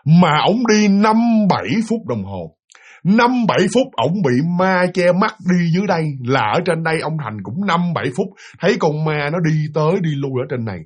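A man's voice: a little high, moderate pace, breathy edge. A man casually telling a ghost story, speaking straight to his listeners and acting out the quoted voices. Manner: animated, addresses listeners directly, acts out quoted voices.

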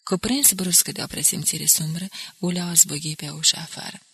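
A woman reading an audiobook in a measured, dramatic narration. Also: fairly low pitch, pushed and bright, breathy edge, no room sound.

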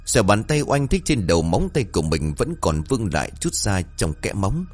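A man narrating a scripted story in an expressive way. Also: on the low side, normal speed, husky, faint music behind.

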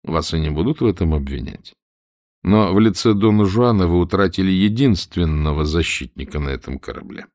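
A man playing a cold, calm pirate captain who speaks with mocking irony. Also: sits low, fairly quick, no room sound, clean studio sound.

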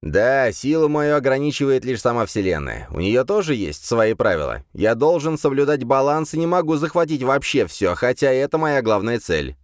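A man's voice: medium pitch, very animated, moderate pace, hardly any pauses, no room sound, studio quality, pitched above the performer's own voice, natural voice. A man voicing an ancient, arrogant male demon lord who speaks in a haughty, commanding, scornful way. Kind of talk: audiobook character voice.

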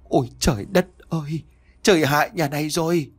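A man's voice: on the high side, brisk, slightly rough, pitched above the performer's own voice. A man voicing an elderly father, a proud rural scholar, scolding in a shaking, breathless voice in an audiobook story. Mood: despairing. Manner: trembling, scolding, breathless with rage.

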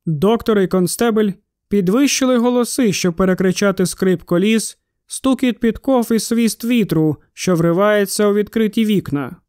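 A man narrates an audiobook in a steady storytelling manner. His voice is high and smooth, and it sits right on a close microphone in a dry, dead space. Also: moderate pace, no room sound. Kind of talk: scripted narration.

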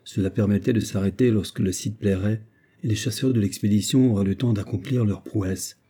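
A man reads a novel aloud as audiobook narration, steady and even. His voice is very dark and mellow, with a husky edge. It sits a little low. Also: fairly quick.

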